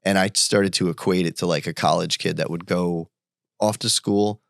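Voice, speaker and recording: A man in his thirties from the United States, chatting casually as a podcast guest and telling animated stories. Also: vocal fry, smooth, no room sound, clean studio sound. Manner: animated, quick jumps in pitch when quoting people. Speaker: podcast guest, entrepreneur and father. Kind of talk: casual conversational storytelling.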